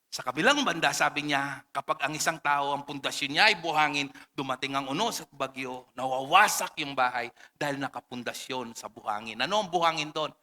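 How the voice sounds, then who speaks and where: A man's voice: a little high, a little fast, sharp tone. A man preaching an impassioned sermon as a pastor, switching between languages. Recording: reverberant hall.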